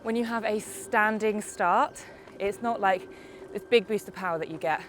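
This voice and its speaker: A young British woman with a summer cold, her voice mid-range, a bit bright and congested, chats upbeat at a moderate pace while reviewing an e-bike. She explains things as she rides outdoors over roads and hills for a casual video review, with a little hiss or hum in the recording.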